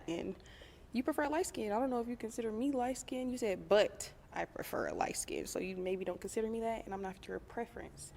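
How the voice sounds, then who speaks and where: A woman's voice: on the high side, gravelly. A woman on a dating show speaking frankly and directly to the men. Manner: direct, outspoken. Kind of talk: frank conversation.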